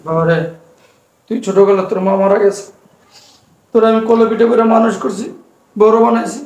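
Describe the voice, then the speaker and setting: A man's voice: sits high, fairly quick, darkish tone. An actor playing an old widowed father who pleads with his son not to throw him out. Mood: pleading. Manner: pleading, plaintive. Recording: echoey room.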